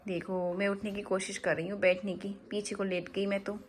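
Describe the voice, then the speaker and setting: A woman's voice: medium pitch, flat delivery, brisk, slight background noise, close to an everyday voice. A woman voicing a cheerful, chatty baby girl, narrating a vlog in the first person in sweet, sing-song baby talk. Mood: playful.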